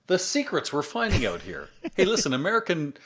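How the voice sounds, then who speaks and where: A man's voice: high voice, animated, a little fast, fairly bright tone, a little hiss or hum. A man hosts a casual podcast interview with plenty of enthusiasm. He leans on his words with emphasis while keeping the chat easy. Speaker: podcast host.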